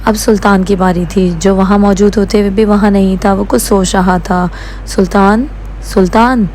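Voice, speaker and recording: A woman's voice: mid-range voice, little pitch movement, a little mellow, slight background noise. A woman narrating a novel as an audiobook, reading every character's lines herself and changing her tone for the dialogue.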